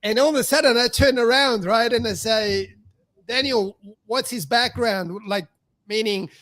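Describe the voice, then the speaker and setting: A man's voice: very high-pitched, unhurried, fairly bright tone, no room sound. A middle-aged man hosting a podcast, telling a story in a casual chatty way, full of fillers and acted-out dialogue. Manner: chatty, heavy on fillers, acts out quoted dialogue. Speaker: podcast host.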